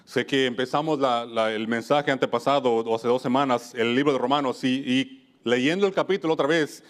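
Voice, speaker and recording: A man's voice: mid-range voice, brisk. A man from Wisconsin preaching a church sermon, earnest, often stopping to restart and correct himself mid-phrase. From United States (Wisconsin).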